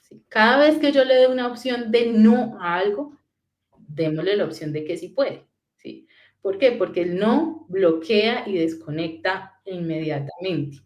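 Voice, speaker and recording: A woman's voice: mid-range voice, measured pace, darkish tone, reverberant. A woman patiently explaining how to talk to small children, often checking that she is understood. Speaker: parenting talk guest. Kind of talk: conversational talk on parenting.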